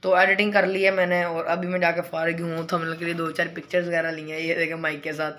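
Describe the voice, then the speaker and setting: A man's voice: fairly high pitch, monotone, fast talker, pushed and bright. Chatty young-sounding man testing mics. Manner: chatty, talks straight to viewers, many fillers. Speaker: vlogger. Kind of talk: casual unboxing and mic-test vlog.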